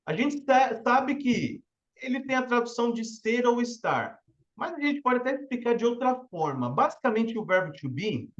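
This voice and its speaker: A man's voice: very high voice, big pitch swings, normal speed, muffled recording. A man with a Brazilian Portuguese accent teaching English in a live online lesson, explaining step by step and often checking in with his listeners.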